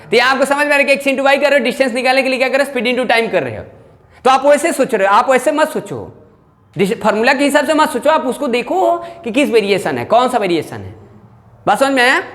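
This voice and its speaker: A man's voice: extremely high pitch, very animated, quick pace, a bit bright. A man teaching a maths class, asking his students questions and checking again and again whether they follow. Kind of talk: classroom lecture. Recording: long reverb in a classroom.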